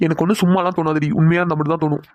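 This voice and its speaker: A woman's voice: low-pitched, flat delivery, racing, darkish tone, no echo, dull audio, close to an everyday voice. A woman doing a teasing young male boss. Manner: playful, teasing, bossy. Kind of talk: cartoon voice acting.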